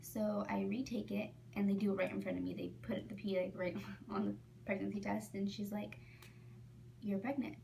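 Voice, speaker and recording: A teenage girl with a gravelly, creaky edge tells her story as a casual vlog, filling pauses with "um" and "like" and often sinking to a near whisper. She sits back from the mic, and a faint hum of background noise sits under her voice. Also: medium pitch, level tone, distant mic. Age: late teens. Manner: chatty, full of "um" and "like", often drops to a near whisper. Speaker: vlogger.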